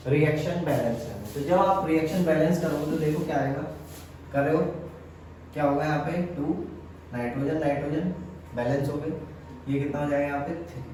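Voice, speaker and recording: A man's voice: on the high side, brisk, darkish tone, slight background noise. A man teaching a chemistry lesson, asking the class questions and answering them himself. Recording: echoey room, mic far off.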